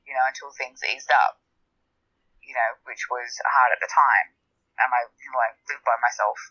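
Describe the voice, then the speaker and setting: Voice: mid-range voice, fairly even intonation, moderate pace, sharp tone, husky, highs cut off. A speaker in a casual gossip chat, opinionated, often asking "you know what I mean?".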